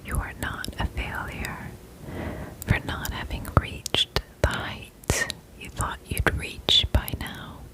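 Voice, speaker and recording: A woman whispers an ASMR pep talk of comforting affirmations. She goes extremely slowly and soothingly, repeating phrases with long, drawn-out spacing. Her voice stays in a breath-only whisper. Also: rough recording. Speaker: ASMR host.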